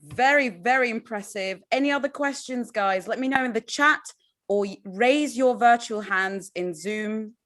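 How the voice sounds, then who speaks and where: A woman MC hosts an online award ceremony over a video call, upbeat and encouraging as she calls the audience "guys." Her voice is fairly high and fairly bright, at a moderate pace.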